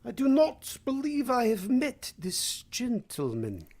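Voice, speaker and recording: A woman acts out a courtly vampire count with a husky, gravelly voice. The delivery is formal and menacing, in the manner of vintage radio drama, with wide swings in pitch. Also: wildly swooping pitch, slow pace, a little mellow, heavily acted. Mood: courtly, restrained.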